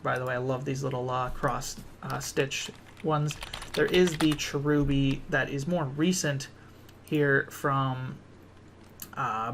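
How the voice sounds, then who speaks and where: Tired young man with a gravelly voice. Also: mid-range voice, fairly bright tone, slight background noise. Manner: rambling, full of ums and restarts. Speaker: card game deck reviewer. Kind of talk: casual deck walkthrough.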